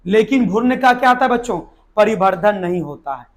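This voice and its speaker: Hoarse, high-voiced male teacher, keeps quizzing the class and answering himself. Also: expressive, brisk. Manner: asks the class questions and answers them himself, repeats key words. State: hoarse from a sore throat. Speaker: biology teacher. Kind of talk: live online exam-prep lesson.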